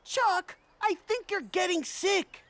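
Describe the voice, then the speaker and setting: A woman's voice: very high-pitched, animated, takes it slowly, heavily acted. A woman voicing a friendly, helpful scoop truck in a children's cartoon.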